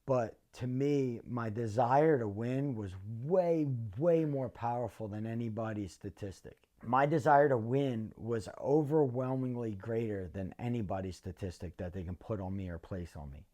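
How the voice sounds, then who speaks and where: A middle-aged man from North answers interview questions in a measured, earnest way, pausing often with ums. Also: medium pitch, dark tone. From North Philadelphia. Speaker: interviewee, former fighter.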